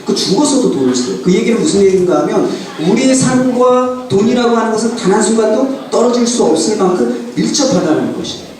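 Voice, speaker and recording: A pastor lecturing a church class in an animated way, often quizzing his listeners with questions. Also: high voice, a little fast, hardly any pauses. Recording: roomy hall from a distant mic.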